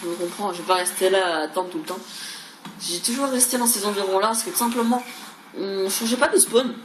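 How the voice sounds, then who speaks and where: A woman's voice: mid-range voice, fairly quick. A woman giving casual, rambling gameplay commentary, stammering over and repeating words, with some mild swearing. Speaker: gaming video creator. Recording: roomy echo, clearly noisy background.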